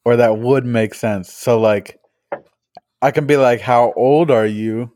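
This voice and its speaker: A man's voice: mid-range voice, steady tone, slow, a little mellow, no room sound, clean studio sound. Laid-back man on a podcast. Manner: laid-back, questioning, teasing. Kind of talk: casual chat.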